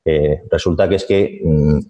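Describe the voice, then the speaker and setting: Man, very deep voice, animated storytelling, slangy, restarts a lot. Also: a little slow. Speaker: journalist guest. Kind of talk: casual radio chat.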